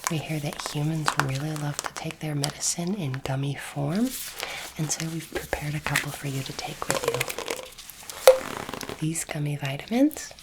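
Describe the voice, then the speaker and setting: Close to the mic, a woman with a deep voice whispers in an ASMR roleplay as a calm, caring alien doctor from space checking over a human patient. She sounds gentle, comforting and unrushed, though heavy background noise sits behind her.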